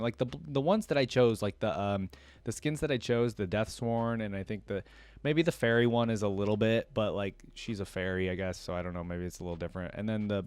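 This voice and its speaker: A man hosts a reaction video, reading passages aloud and drifting into informal, rambling asides between them. His voice is on the low side, with no echo.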